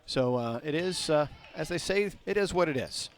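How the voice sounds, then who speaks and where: A middle-aged man, giving folksy, rambling play-by-play of a high school basketball game in a small gym. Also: lively intonation, normal speed, slight background noise. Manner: folksy, rambling, talks to viewers directly. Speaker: play-by-play announcer.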